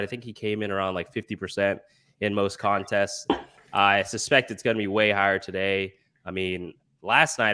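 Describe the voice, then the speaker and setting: Fairly low in pitch with a fairly bright tone, this man sounds stuffy and nasal. His sports fantasy analysis is a rambling, frustrated, filler-packed casual chat.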